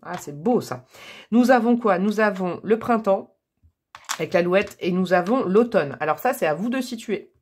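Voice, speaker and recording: A woman's voice: mid-range voice, lively intonation, moderate pace, darkish tone, slight background noise. A woman giving a casual tarot reading, talking to her viewers in a chatty, playful way. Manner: chatty and playful, joking and laughing at herself; talks straight to viewers, coaxing and encouraging. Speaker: tarot card reader.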